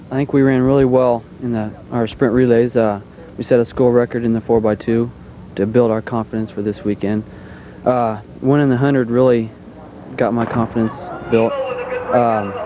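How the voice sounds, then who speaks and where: A young man from Iowa, an athlete in a live sports interview, speaking in halting, hesitant phrases. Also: medium pitch. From Iowa, United States. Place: outdoors at a stadium. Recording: noisy outdoor live broadcast.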